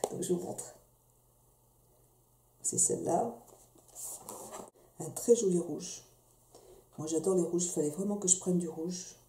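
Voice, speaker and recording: A beauty vlogger with a lowish, warm voice reviews products at home at a measured pace, leaving long pauses. Her chatty, hesitant delivery is full of fillers and restarts, captured in an echoey room with faint noise.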